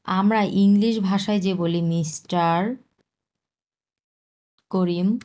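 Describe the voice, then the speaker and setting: A woman teaching a Chinese lesson, patiently repeating words slowly and explaining their tones. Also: mid-range voice, fairly even intonation, a little mellow. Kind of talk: language lesson explaining vocabulary.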